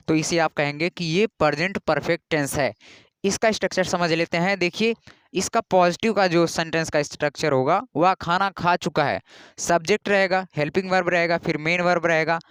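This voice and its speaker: A man from India gives an English grammar lesson in a high, clear, smooth voice. He is patient and repeats each rule, spelling words letter by letter. The sound is dry and close, with no room echo. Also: fairly bright tone.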